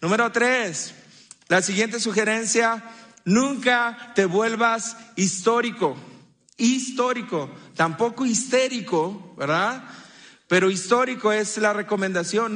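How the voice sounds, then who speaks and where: Preaching in a church hall with live reverb, a male pastor blends humor with teaching and acts out the things people say. His voice sits high and is a bit bright, and he speaks at a slow pace.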